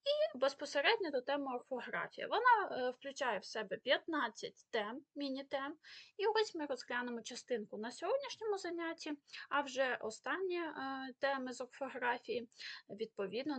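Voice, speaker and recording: A woman with a high, light voice and a Ukrainian accent teaches an exam prep lesson. She explains rules step by step, with filler pauses. She reads out example words one at a time with clear stress. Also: expressive, fairly bright tone. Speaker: Ukrainian language tutor.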